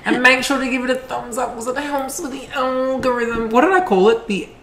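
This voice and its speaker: A woman's voice: sits high, fairly quick. A woman chatting as a guest, full of jokes and laughter. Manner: joking, laughing, lively banter. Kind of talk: casual chat. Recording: roomy with faint noise.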